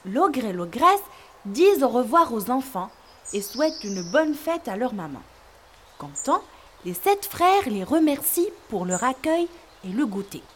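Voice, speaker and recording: A woman narrating a children's story in a clear, expressive storytelling manner for learners. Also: high-pitched, measured pace, a little hiss or hum.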